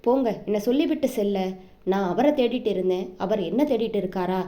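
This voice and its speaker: A woman's voice: medium pitch, a little fast, dark tone, roomy sound, close to an everyday voice. A woman reading the lines of a responsible young man speaking to his younger sister, in an audiobook novel. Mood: brisk. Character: caring young man, responsible older brother.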